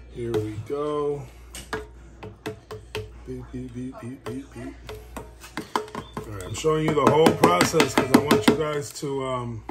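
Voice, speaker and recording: A man breeding dogs, rambling casually through a how-to vlog from home while he works. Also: on the high side. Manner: rambling and chatty, talks while working. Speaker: dog breeder. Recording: noisy home recording.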